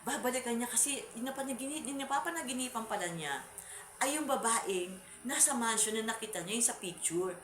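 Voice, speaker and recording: A woman's voice: a little high, fairly quick, a bit bright. Rambling woman telling a spooky story. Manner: rambling, repeats words and restarts, turns to the audience. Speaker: vlogger telling a horror story. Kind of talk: casual spoken storytelling. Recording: echoey room.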